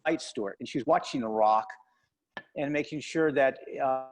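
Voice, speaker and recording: A man guiding a tour of a discovery center over a video call from his phone, his audio skipping and breaking up as he explains the exhibits in plain, halting speech. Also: medium pitch. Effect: choppy, skipping call audio that keeps breaking up.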